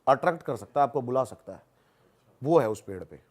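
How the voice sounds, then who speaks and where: This haunted-place investigator, guesting on a podcast, speaks in a mid-range voice with a darkish tone and lively intonation, moving a little fast. He tells his stories in an animated, colloquial way, repeating things for emphasis and slipping in English words.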